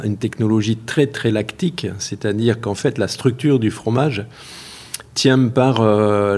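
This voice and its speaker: A man being interviewed about his work as a cheesemaker, explaining slowly and carefully with many hesitations. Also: mid-range voice, darkish tone, husky. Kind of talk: casual spoken interview.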